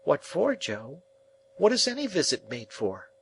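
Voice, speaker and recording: A man voicing an earnest, wistful young male apprentice who asks soft, pleading questions. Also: fairly high pitch, huge pitch swings, a little slow, vocal fry, a little hiss or hum, voice pushed up, full character voice.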